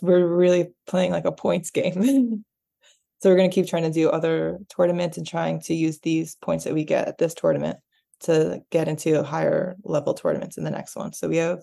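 A woman's voice: on the low side, vocal fry, warm tone. A young woman explaining things casually in an interview, dropping in "like" often. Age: young adult. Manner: explanatory, uses "like" a lot. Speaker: guest, beach volleyball player.

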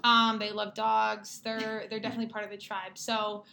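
Bright-voiced woman host with a slightly numb mouth. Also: mid-range voice, monotone, normal speed, creaky, slight background noise. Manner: playful, slangy, teasing. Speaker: podcast host. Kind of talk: casual conversational hosting.

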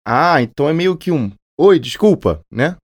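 A man's voice: on the high side, sing-song, normal speed, dry recording, clean studio sound. A man with a Brazilian Portuguese accent playing the curious learner on a scripted educational podcast, asking questions and joking.

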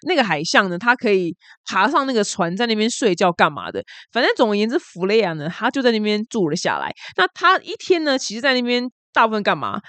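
A woman's voice: medium pitch, sing-song, fast talker, few pauses, a bit bright, dry recording. A woman from Taiwan with a Taiwanese Mandarin accent, hosting a casual news commentary podcast in a chatty, exclamatory way, dropping in English words. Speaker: podcast host.

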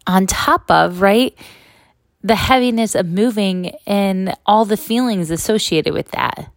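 A middle-aged woman hosts a casual podcast monologue, talking candidly and conversationally and often checking in with a "right?" Her mid-range voice is gravelly and moves at a measured pace. It's a makeshift recording made outside a proper studio, with no room sound.

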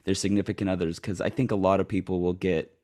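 A man's voice: low-pitched, flat delivery, fast talker, dark tone. A man hosting a podcast, talking casually in a blunt, crude way with a slight lisp. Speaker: podcast host.

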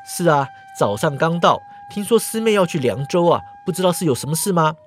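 A man voicing a calm senior martial brother in a storytelling podcast, in a steady lowered voice. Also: fairly quick, soft background music, lightly acted.

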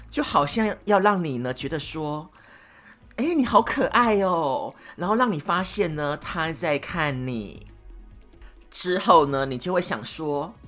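An animated woman host gives dating advice in a casual storytelling way. Her lowish voice swoops widely as she dramatizes each scene. Soft music plays faintly underneath.

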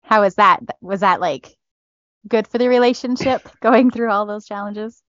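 A woman's voice: medium pitch, moderate pace, no room sound, highs cut off. Woman host reading an intro, dry sound. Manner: reads a prepared intro, laughs easily. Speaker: podcast host. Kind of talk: interview hosting.

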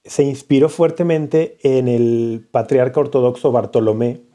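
A man with a very dark, mellow voice talks through a topic in relaxed podcast chat. He explains at length with a wry, teasing streak, at an ordinary pitch for a man. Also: a little slow. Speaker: podcast co-host. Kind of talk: casual conversational podcast.

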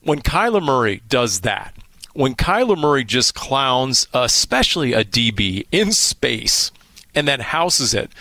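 A man's voice: medium pitch, pushed and bright, no echo. An American man hosting a sports radio show with conversational football commentary.

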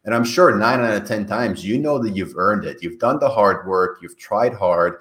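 Earnestly answering questions as a podcast guest on a call, this man grew up in Iran and speaks Farsi as his first language. His lowish, fairly bright voice is animated at a moderate pace, with frequent restarts and repeated words.

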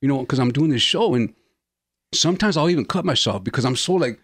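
A man's voice: mid-range voice, lively intonation, fast, breathy edge, no echo, clean studio sound. A man in his fifties, an actor talking casually in an interview, full of laid-back slang and "you know". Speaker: actor guest.

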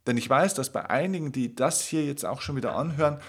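A man hosting a podcast episode, giving an emphatic motivational monologue straight to the listener and slowing down to stress key words. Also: medium pitch, breathy edge. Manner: addresses the listener directly. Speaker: podcast host.

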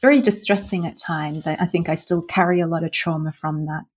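A woman from Australia, a podcast guest talking in a soft-spoken, thoughtful way. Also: sits low, fairly even intonation, a little fast, slightly rough. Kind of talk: casual interview.

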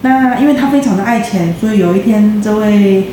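A woman explaining and retelling a folk tale for learners, relaxed and using many filler words. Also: medium pitch, a little slow, a little hiss or hum. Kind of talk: storytelling explanation. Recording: very echoey room.

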